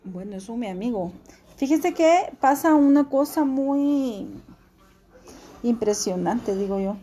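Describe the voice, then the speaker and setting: A woman's voice: fairly high pitch, animated, takes it slowly, mellow. A woman teacher giving a classroom language lesson, patiently repeating each verb form for her students.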